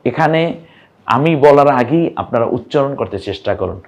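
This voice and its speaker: A young male teacher gives a patient recorded lesson. He draws out each syllable slowly and keeps asking the listener to say it first. His voice sits at an everyday middle pitch. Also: expressive, a little mellow, dull audio. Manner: patient, drawn-out syllables, quizzing the viewer. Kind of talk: online lesson on reading Arabic vowel marks.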